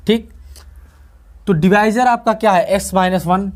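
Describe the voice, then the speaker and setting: A man's voice: high-pitched, unhurried. A man with a Hindi-speaking North Indian accent teaching a math lecture, who keeps asking and answering his own questions and checking in with the class. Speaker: math tutor.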